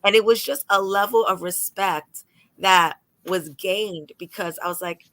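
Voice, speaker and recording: Speaking unhurriedly in a mid-range voice, this woman is a lawyer from New York taking part in a panel. She recounts stories with animation and acts out what others said.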